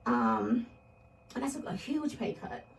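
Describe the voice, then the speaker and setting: A woman's voice: medium pitch, wildly swooping pitch, unhurried, a little hiss or hum. A woman in her forties or fifties hosting a candid, casual chat, swearing freely and laughing often. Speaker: podcast host. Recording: roomy, mic at a distance, others chatting.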